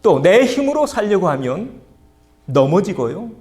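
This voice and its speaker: Man preaching, higher-pitched voice. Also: very animated, a little mellow. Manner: leads congregation in call and response; reads scripture aloud slowly. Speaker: pastor. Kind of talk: sermon.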